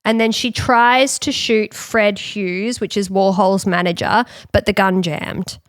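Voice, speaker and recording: A woman co-hosting a podcast, retelling a story in casual chat and acting out quick quotes. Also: medium pitch, steady tone, no echo, clean studio sound. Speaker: podcast co-host.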